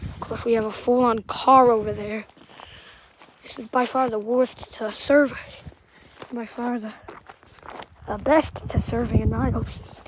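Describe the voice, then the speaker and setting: Her voice is a little high and steady in tone, with slight background noise. She has a Southern-sounding accent and walks outdoors amid storm damage, speaking in halting, rambling bits that frequently trail away quietly.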